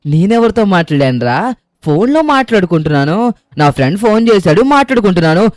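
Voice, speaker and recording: A man hosting and voicing his own game story video in a lively, fast way. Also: high-pitched, dry recording. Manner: lively, talks fast to the viewers and the characters. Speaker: host and narrator. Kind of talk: gameplay story voice-over.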